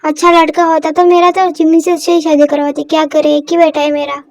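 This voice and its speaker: A woman's voice: high voice, flat delivery, a little fast, no echo, clean studio sound. A woman voicing a fussy, doting middle-aged mother-in-law who coaxes a shy girl in a fan-fiction voice story. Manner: fussy, coaxing.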